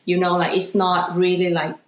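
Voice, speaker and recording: A woman in her thirties from Vietnam, with a Vietnamese accent, speaking English as a second language as a guest in a casual interview, halting and full of fillers. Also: fairly low pitch, flat delivery, roomy sound. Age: 30s. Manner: halting, many "you know" and "like" fillers, laughs easily. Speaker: guest, real estate agent.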